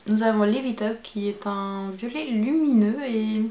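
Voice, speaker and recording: Female beauty vlogger, casual and enthusiastic, mid pitch, roomy echo. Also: a little slow, mellow. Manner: chatty, enthusiastic describing shades. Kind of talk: casual makeup review.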